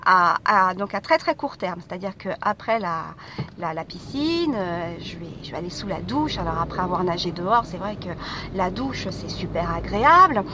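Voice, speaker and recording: A woman's voice: fairly low pitch, expressive, normal speed. A woman hosting her own podcast, talking in a hesitant, casual monologue full of fillers and restarts. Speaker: podcast host. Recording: street noise with passing vehicles.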